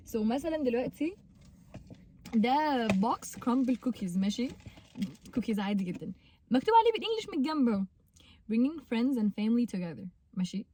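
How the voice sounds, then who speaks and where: A woman's voice: on the high side, a little mellow. A young Egyptian woman with an Egyptian accent giving casual study tips to camera, chatty, repeating words to model pronunciation. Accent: Egyptian Arabic. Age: young adult. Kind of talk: casual tutorial chat to camera.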